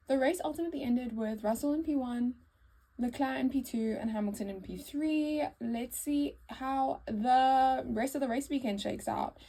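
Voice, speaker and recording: A woman vlogger talks casually, as in a get-ready-with-me chat. Her voice sits a little high but is soft-edged and mellow, with plenty of vocal fry. She gives opinions conversationally, like a fan recapping events. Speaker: vlogger giving race recap.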